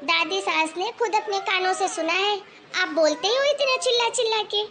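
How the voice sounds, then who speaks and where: A woman voicing a meek, polite young daughter-in-law who speaks respectfully and apologetically in an animated moral story. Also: very high-pitched, moderate pace, a little hiss or hum.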